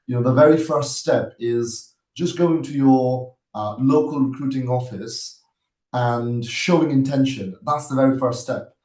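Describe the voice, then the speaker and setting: A man in his thirties from Nepal delivers a webinar presentation over a video call. He speaks in an earnest, measured way, with frequent hesitations and restarts. His voice sits in a middle register, and the room around him sounds noticeably echoey. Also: medium pitch, darkish tone. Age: 30s. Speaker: guest speaker, army officer.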